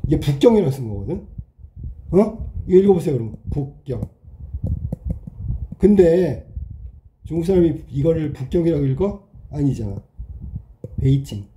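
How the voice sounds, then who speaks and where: A male teacher lecturing a class in a very dark, mellow voice. He keeps checking understanding with quick questions. A faint hiss sits under the recording. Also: fairly high pitch, lively intonation. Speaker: Korean language teacher. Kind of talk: classroom lecture, explaining while writing.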